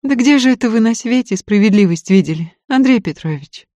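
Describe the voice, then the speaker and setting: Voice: mid-range voice, lively intonation, moderate pace, a little mellow, no echo, voice pushed up, close to an everyday voice. A reader voicing Varya, a proud, tearful young woman of peasant birth who talks in plain folksy speech, in an audiobook. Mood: bitter. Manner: folksy, plain-spoken, pleading then scolding. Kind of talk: audiobook character voice.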